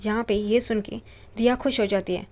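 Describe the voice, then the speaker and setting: A woman narrating a casual, steady recap of a TV serial episode. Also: medium pitch, moderate pace. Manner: plain, steady retelling.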